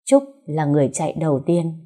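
A woman with a low, mellow voice tells a dramatic story. Her delivery is calm and measured, with a slightly husky edge. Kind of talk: scripted story narration.

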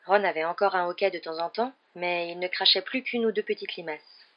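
A woman narrating a children's novel aloud in a steady, measured storytelling voice, with a dull lo-fi sound. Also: lowish voice. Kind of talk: audiobook narration.

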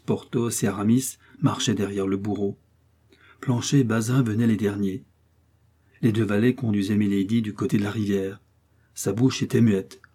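A man giving a measured, dramatic scripted narration of a classic novel as an audiobook reader. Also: fairly low pitch, warm tone, breathy edge.

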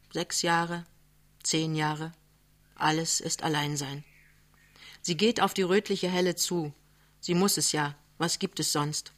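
Female literary reader; quiet, measured, unhurried. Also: sits low. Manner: slow, hushed, measured. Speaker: audiobook reader. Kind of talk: literary reading. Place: live reading soirée.

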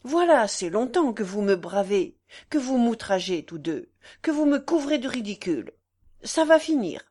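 A harsh, sneering husband in an audiobook drama, read by a woman, all bluster and scorn in a lively, rising and falling voice. He snaps and mocks with coarse bravado. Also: medium pitch, normal speed. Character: brutal sneering aristocratic husband, middle-aged man.

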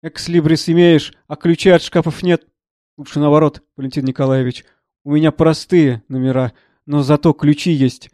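A man reading the part of a gruff, blunt elderly friend who speaks curtly and probes. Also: a little high, steady tone, normal speed, a little mellow, no echo, close to an everyday voice. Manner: curt, dry, probing.

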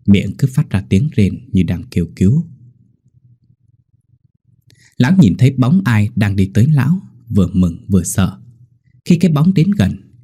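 A man narrating a horror story in a steady, grim manner. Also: lowish voice, breathy edge.

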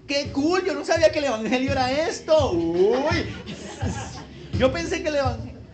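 A man's voice: very high-pitched, lively intonation, moderate pace, noisy background, voice pushed up. A man playing a young churchgoer who is thrilled by a trendy church, with squealing, breathless delight over music. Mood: gushing. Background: background music.

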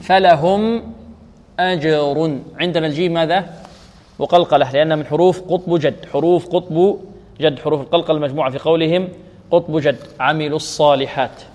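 A man's voice: a little high, fairly even intonation, fast, a little mellow. A man teaching a Quran recitation lesson, questioning his students and drilling letter sounds aloud between chanted verses. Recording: long reverb.

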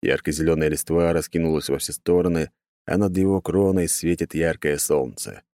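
A man reading a first-person audiobook in an even, descriptive way. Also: rumbling low, normal speed, no room sound, clean studio sound. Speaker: narrator.

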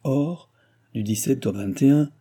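A man's voice: medium pitch, measured pace, mellow, slightly rough, voice pushed up. A man voicing a tall, bony American doctor who speaks French with a guttural foreign accent, placid but firm and grumbling. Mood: phlegmatic.

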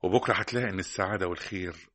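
Egyptian accent; an earnest, consoling doctor; low, bright, husky; old radio play. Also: male voice, very fast. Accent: Egyptian Arabic. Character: gentle, frank male doctor consoling a young woman. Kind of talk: vintage radio drama acting.

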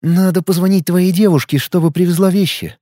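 A man voicing a sharp-tongued young woman who does makeup for the dead, talking in a snappy, indignant way. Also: high voice, steady tone, a little fast, dry recording, studio quality, pitched above the performer's own voice, natural voice. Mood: brisk.

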